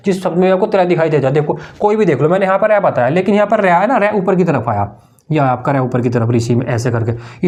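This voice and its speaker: A man's voice: a little high, darkish tone. A male teacher explaining Hindi grammar for an exam-prep class, repeating each point and calling the students "brother". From India.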